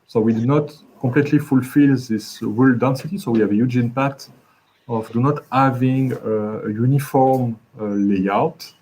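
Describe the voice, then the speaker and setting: Nervous, hedging man with a mellow voice. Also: medium pitch, normal speed, husky, rough recording. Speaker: PhD candidate defending a thesis. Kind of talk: answering technical questions at a thesis defense.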